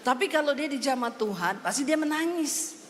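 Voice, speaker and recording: A woman's voice: high-pitched, animated, fairly quick. A woman pastor preaching a sermon in a church, telling a story with humor and acting out the people she quotes. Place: church hall with congregation. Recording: long reverb, faint background noise.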